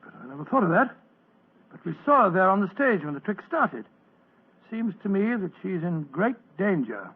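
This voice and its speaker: An actor playing an anxious, loyal older gentleman doctor with a British accent and a husky, creaky voice in old-time radio drama. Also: sits high, sing-song, moderate pace, full character voice. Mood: worried. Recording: tinny old radio recording.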